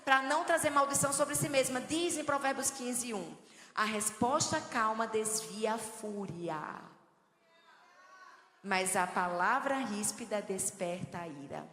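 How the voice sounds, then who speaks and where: A woman's voice: fairly high pitch, a little slow, a bit bright. A middle-aged woman from Northeast Brazil, preaching a sermon with humor and storytelling. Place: church hall. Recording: echoey church hall.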